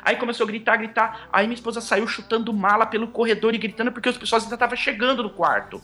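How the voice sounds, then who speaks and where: A young man, telling his story as a guest in an animated, casual way, acting out quoted dialogue. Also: very high-pitched, quick pace. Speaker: podcast guest.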